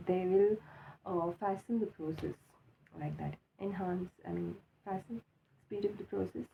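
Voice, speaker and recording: A woman with an Indian accent giving a casual, halting, unscripted opinion monologue, repeating herself for emphasis, just awake with a swollen mouth. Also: fairly low pitch, gravelly. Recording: tinny phone-like sound with faint noise.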